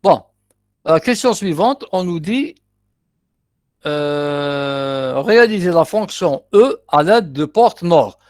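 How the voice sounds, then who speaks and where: A man's voice: fairly high pitch, lively intonation, slow, a little mellow, dry recording. A middle-aged man with an Algerian accent, teaching a university class in a lecture, going through exercises step by step and repeating his terms. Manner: explains step by step, repeats terms, mixes in short asides.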